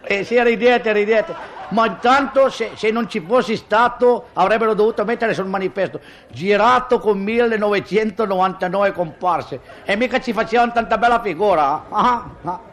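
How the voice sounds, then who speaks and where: A man's voice: sits high, normal speed, fairly bright tone, slight background noise. A man delivering a chatty, self-mocking comic monologue full of exclamations.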